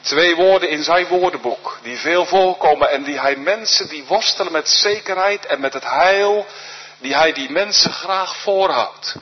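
A man delivers a sermon in a slow, deliberate cadence, his voice sitting a little high and slightly husky. He preaches earnestly, leaning on rhetorical questions and short repeated phrases. The recording is dull and lo-fi. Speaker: pastor.

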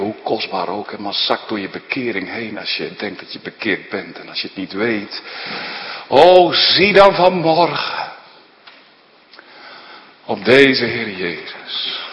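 A man's voice: medium pitch, fairly bright tone. A man preaching a sermon as pastor, pleading and impassioned, often repeating little tag words. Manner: pleading, impassioned preaching with many filler tags. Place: church. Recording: long church reverb.

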